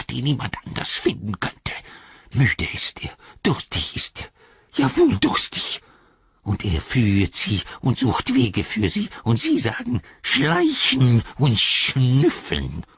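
Hissing creepy creature, whispery, whining, wild pitch swoops, dull audiobook sound. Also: male voice, wildly swooping pitch, slow, fairly bright tone, breathy edge, no room sound, heavily acted. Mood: wheedling. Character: creepy hissing male creature, wheedling, self-pitying.

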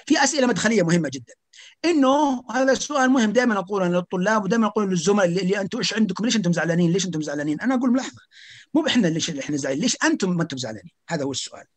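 A man's voice: high-pitched, animated, rapid-fire. A man, speaking as an academic guest on a podcast, arguing emphatically with rhetorical questions and stumbling restarts. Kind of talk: podcast conversation.

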